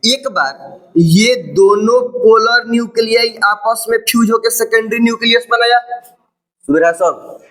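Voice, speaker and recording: A man's voice: extremely high pitch, measured pace, fairly bright tone, poor audio. A man teaching a biology lesson in mixed with English terms, explaining step by step and often asking whether the class is following. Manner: keeps checking if students follow. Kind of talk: classroom lecture at a board.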